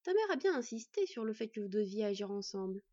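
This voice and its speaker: A woman voicing a calm, wise she-wolf. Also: mid-range voice, no room sound, lo-fi sound. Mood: cool. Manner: cool, measured.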